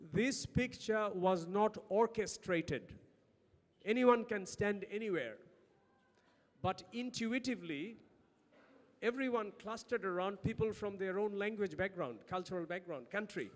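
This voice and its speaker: A man with a Bangladeshi accent presents at an academic conference in a notably high voice. He speaks emphatically, putting questions to his listeners as he makes his points. His words ring with the long reverb of a hall. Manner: emphatic, uses rhetorical questions. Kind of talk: lecture-style conference presentation.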